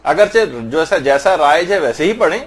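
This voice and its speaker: Higher-voiced man teaching recitation. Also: expressive. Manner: slow, careful demonstrations of recited phrases; patient, corrective explaining. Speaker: religious teacher. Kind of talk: prayer pronunciation lesson.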